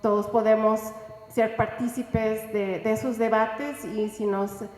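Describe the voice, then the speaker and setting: A woman speaking as a panelist at a book presentation, calm and reflective. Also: a little high, takes it slowly. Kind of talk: panel talk. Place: large hall at a book presentation. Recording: echoey hall.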